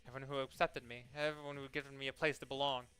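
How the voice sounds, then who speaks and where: A man's voice: medium pitch, level tone, very fast, sharp tone, smooth, faint music behind. A sardonic, sweary man giving casual game commentary and reading the game's text aloud. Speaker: let's play host.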